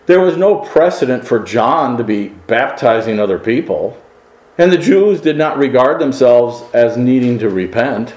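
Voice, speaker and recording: A man's voice: medium pitch, lively intonation, moderate pace. Echoey preaching man, emphatic swells. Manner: preaching with rising emphatic peaks and quiet drops. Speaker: pastor. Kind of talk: sermon.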